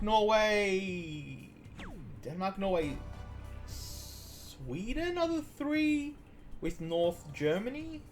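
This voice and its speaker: A man from Iceland streaming a game, chatting casually and drifting into long trivia asides with frequent restarts. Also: sits high. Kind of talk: casual gameplay commentary.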